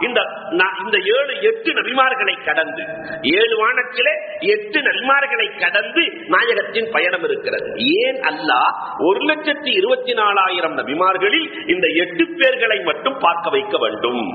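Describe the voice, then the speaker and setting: A man preaches a sermon in a very high voice. His words ring through a large echoing hall, and the recording sounds dull and lo-fi. He repeats phrases for weight and speaks to his listeners as beloved. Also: animated, unhurried, a little hiss or hum. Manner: repetitive orator, addresses listeners as beloved.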